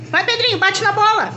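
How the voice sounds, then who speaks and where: A Brazilian woman vlogging at home, cheering a child on through a video game and shouting encouragement, her throat sore from yelling. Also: extremely high pitch. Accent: Brazilian Portuguese. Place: home living room.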